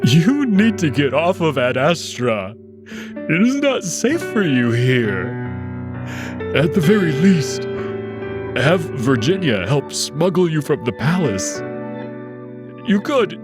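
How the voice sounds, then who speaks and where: A man voicing a remorseful male wolf nobleman who is crying, speaking in halting, slow pleas over soft background music. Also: fairly high pitch, big pitch swings, voice pushed up. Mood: tearful pleading. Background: soft instrumental music.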